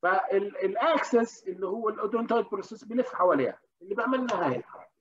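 A man giving an interactive medical lecture, often questioning the class and pausing with hesitations. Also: sits high, animated, a bit bright. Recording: dull lo-fi recording.

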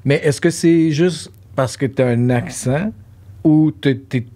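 Animated Québécois man hosting. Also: fairly high pitch, slow. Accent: Québécois French. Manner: animated, restarts often, acts out quotes. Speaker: podcast host. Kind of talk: casual interview chat.

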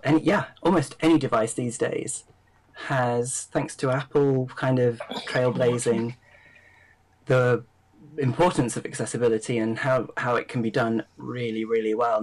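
A man's voice: medium pitch, fairly even intonation, normal speed, poor audio. A man doing an interview, speaking in a rambling way with many fillers and generous thanks. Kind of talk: casual interview.

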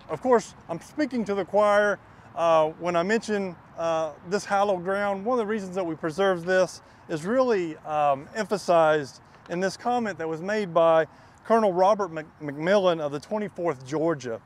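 A middle-aged man with a fairly high voice gives an earnest talk outdoors by a churchyard. He speaks through a clip-on lapel mic, and light traffic sounds carry in the open air. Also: normal speed. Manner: earnest, reads from a paper, thanks donors. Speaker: guest speaker from a preservation group. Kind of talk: outdoor talk reading a quote aloud. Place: outdoors beside a churchyard cemetery.

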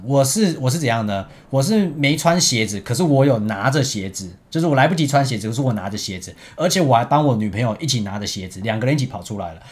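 A young man speaks Mandarin with a Taiwanese accent, telling a story in a loose, chatty way over gameplay. His pitch leaps up and drops back constantly, which makes him sound lively. He laughs often between sentences. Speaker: esports team captain.

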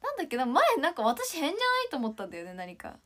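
A woman in her twenties from Ishikawa, chatting casually on a morning livestream, her voice not yet warmed up and straining on high notes, thinking aloud and trailing off softly. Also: huge pitch swings, racing. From Ishikawa, Japan. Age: 20s.

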